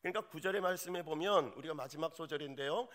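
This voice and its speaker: A male associate pastor preaching a sermon, joking with the congregation in an animated way. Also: on the high side, fast talker.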